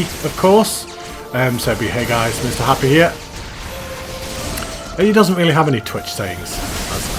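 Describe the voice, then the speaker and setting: A man talks over his gameplay footage in a loose, self-mocking way, laughing at his own jokes as he goes. His voice sits at an ordinary middle pitch, and music plays clearly behind him. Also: low-quality recording. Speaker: gaming channel host. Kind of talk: game commentary voice-over. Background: background music.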